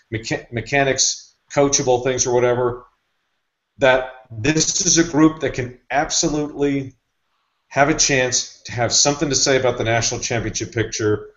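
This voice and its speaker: A man's voice: mid-range voice, muffled recording. A man co-hosting a sports podcast, giving long, hedged opinions about a football team in casual talk. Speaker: podcast co-host.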